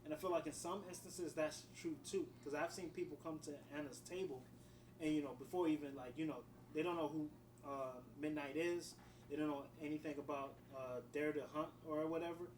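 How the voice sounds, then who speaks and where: A man's voice: a little high, steady tone, fairly quick, far from the mic, a little hiss or hum, low-quality recording. A man co-hosting a podcast in casual chat, rambling and filling his talk with "you know" and "whatnot.". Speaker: podcast co-host, writer.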